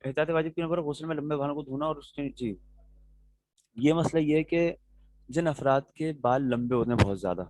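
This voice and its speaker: A male religious teacher lectures a class on religious rulings, explaining step by step, answering students' questions directly, and repeatedly checking that they follow. His voice is a little high with a darkish tone. The recording is dry and low in quality.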